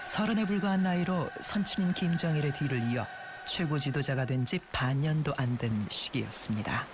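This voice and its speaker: A man reads scripted documentary narration in a measured, formal way. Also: fairly high pitch, noisy background. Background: loud background music.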